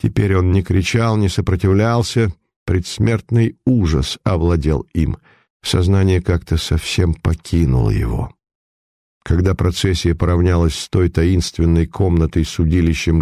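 A man reading a dramatic story aloud as narrator, in a grave, measured way. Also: deep voice, mellow, no echo, clean studio sound.

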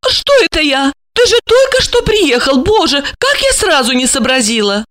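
A woman's voice: very high-pitched, expressive, unhurried, fairly bright tone, pitched above the performer's own voice, exaggerated voice. A woman voicing a rich widowed woman who is theatrical and self-pitying, talking in an affected way with sighs and exclamations. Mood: mannered.

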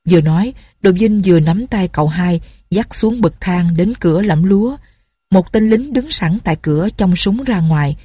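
Husky low-voiced woman storyteller. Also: animated, moderate pace, mellow, no echo, studio quality. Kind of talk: audiobook story narration.

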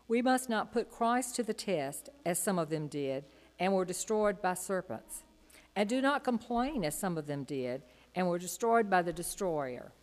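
A woman reads scripture aloud in a large, reverberant hall. Her delivery is formal and measured, with declamatory phrasing suited to a church reading. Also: mid-range voice, darkish tone. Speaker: scripture reader.

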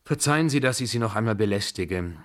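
A man voicing a weary, imperious old grandmother who speaks slowly and heavily. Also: fairly low pitch, lively intonation, lightly acted. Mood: tired, imperious.

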